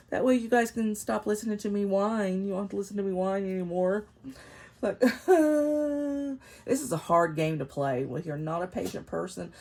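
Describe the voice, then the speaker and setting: This woman in her fifties, a planner vlogger, chats from a chair at home, congested and nasal from a cold. Her talk wanders, punctuated by frequent laughter, in a voice on the low side with a bit of mellowness. Construction next door hums faintly behind her.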